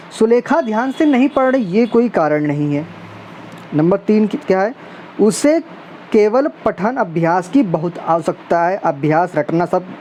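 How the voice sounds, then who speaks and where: This woman's voice is fairly low and mellow. As an exam prep teacher, she reads out quiz questions with their multiple-choice options and explains which one is right, a faint hiss audible behind her.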